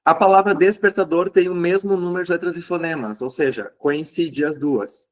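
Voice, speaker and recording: A man's voice: on the high side, moderate pace. A male teacher, giving an exam review lesson and checking in with listeners as he explains. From southern Brazil.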